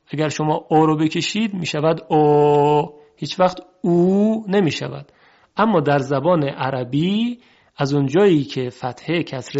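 Male lecturer, formal and courteous, drawn-out examples, slightly raised pitch, dull recording. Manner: formal and polite, slowly drawing out example sounds. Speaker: teacher. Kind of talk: lecture on Arabic phonetics.

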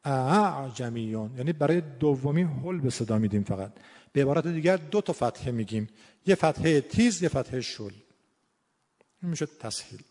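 A man teaching Quran recitation rules, explaining how errors are scored and slowly demonstrating each sound. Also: on the high side, expressive, warm tone. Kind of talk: tajwid lesson on scoring recitation. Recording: long hall reverb.

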